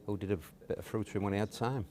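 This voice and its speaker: A man, a guest telling stories from his upbringing in a relaxed, hesitant way with many fillers. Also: on the low side, racing. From Cottingham, near Hull, England. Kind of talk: casual storytelling interview.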